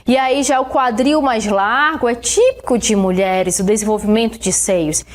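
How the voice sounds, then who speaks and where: A woman teacher with a Brazilian Portuguese accent giving a recorded science lesson, explaining step by step and often checking in with her students. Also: fairly high pitch. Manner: explains slowly, checks in with "né?" and "tá bom?".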